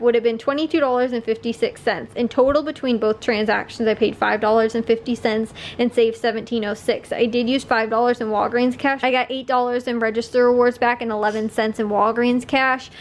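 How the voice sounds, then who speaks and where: A young woman vlogger chats casually, rambling with lots of fillers and little laughs. Her fairly high voice stays steady and runs a little fast with hardly any pauses, and she sounds slightly sniffly.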